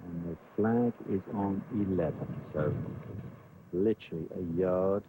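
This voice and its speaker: A man's voice: deep voice, a little slow. A man giving live golf commentary in an analytical, explanatory way. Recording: faint background noise.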